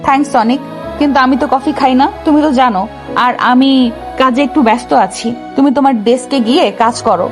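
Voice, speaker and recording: Actress playing a firm, high-voiced older wife over soft music. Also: female voice, fast talker, close to an everyday voice. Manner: firm, scolding. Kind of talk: audio drama acting.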